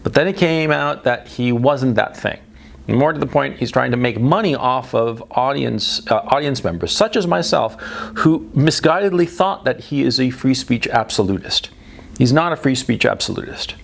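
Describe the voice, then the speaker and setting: Man, gravelly voice, mid-range pitch, blunt and emphatic, opinion monologue, lots of restarts and "right?". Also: animated, normal speed, a little hiss or hum. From Chile and the United States. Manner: emphatic, blunt, repeats for stress; speech full of restarts and tag questions. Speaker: political commentator.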